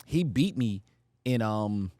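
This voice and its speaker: A man hosting a casual podcast, talking in a slangy, joking, animated storytelling way. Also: lowish voice, slow, no echo. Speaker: podcast host. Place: warehouse, close dry sound.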